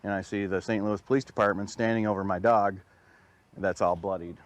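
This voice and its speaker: A man's voice: fairly low pitch, steady tone, fairly quick. A man giving a plain, conversational eyewitness account in a news interview, somewhat subdued. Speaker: interviewed dog owner.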